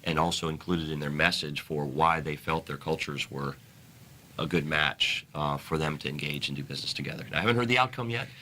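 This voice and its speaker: A man speaking as a guest author in an interview, earnest and halting, often restarting his sentences. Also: a bass voice, bright, forceful tone, slight background noise. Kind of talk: interview talk.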